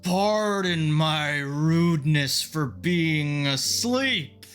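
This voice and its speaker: Man voicing an ancient talking tree, extremely slow droning. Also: on the high side, expressive, fairly bright tone, clean tone, faint music behind, exaggerated voice. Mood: slow, solemn. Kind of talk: tabletop role-play.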